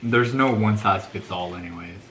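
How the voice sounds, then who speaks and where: Relaxed husband, easygoing short answers, noisy roomy home sound. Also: male voice, low-pitched, moderate pace. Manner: laid-back, short replies. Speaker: husband and guest. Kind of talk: casual Q&A chat. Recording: echoey home room with noise.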